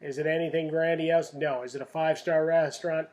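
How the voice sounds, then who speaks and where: A man's voice: on the high side, little pitch movement, brisk, a little mellow, recorded from a distance. A middle-aged man hosting a home cooking show, talking in a chatty, folksy way with punchy asides. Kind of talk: casual cooking demonstration. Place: home kitchen. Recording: roomy kitchen, voice off-mic.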